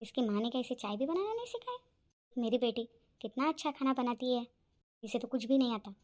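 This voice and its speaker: A woman voicing a bossy, sharp-tongued elderly mother-in-law in a cartoon, talking in a scolding, complaining way. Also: on the high side, animated, brisk, close to an everyday voice. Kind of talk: cartoon voice acting.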